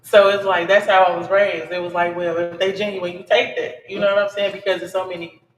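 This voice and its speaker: A woman of thirty, a podcast guest, talking earnestly and relaxed in casual chat. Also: lowish voice, a little fast, recorded from a distance, a little hiss or hum. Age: 30s. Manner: relaxed, earnest, talks it through. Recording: echoey room, away from mic.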